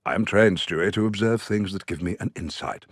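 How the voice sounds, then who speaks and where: An actor voicing a composed British male therapist in a cartoon, speaking in a calm, measured, dry way. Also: deep voice, no room sound. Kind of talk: cartoon voice acting.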